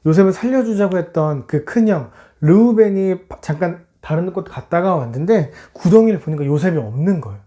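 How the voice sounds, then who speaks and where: A preacher from South Korea telling a Bible story to children, animated, asking the kids questions and acting out the voices. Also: male voice, on the high side.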